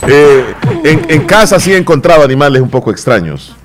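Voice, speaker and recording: A man's voice: fairly high pitch, sing-song, fairly quick, music in the background. A middle-aged man hosting a casual morning radio chat, cheerful and repeating words for emphasis. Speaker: radio show host.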